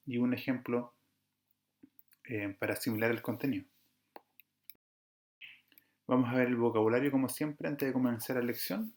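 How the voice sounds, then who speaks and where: Patient man teaching a grammar class. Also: mid-range voice. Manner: patient, explains step by step with small self-corrections; addresses students directly, asks rhetorical checks. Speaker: Greek teacher. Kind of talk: recorded online lesson.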